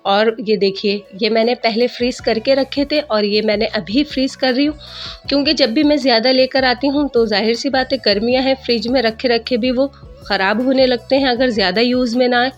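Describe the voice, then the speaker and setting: A woman narrating her cooking vlog in a chatty voice-over, explaining each step to viewers, her throat a little sore. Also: fairly high pitch. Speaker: cooking vlogger. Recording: dull lo-fi voice-over with soft music.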